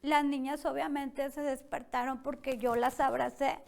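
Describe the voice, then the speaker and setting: Guest: young woman, high voice, tense personal testimony told with many quoted exchanges. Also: flat delivery, moderate pace, creaky, darkish tone. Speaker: interview guest.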